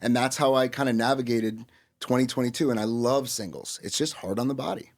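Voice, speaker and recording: A man's voice: medium pitch, brisk. A man co-hosting a podcast in casual chat, boastful and rambling with lots of fillers. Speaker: podcast co-host.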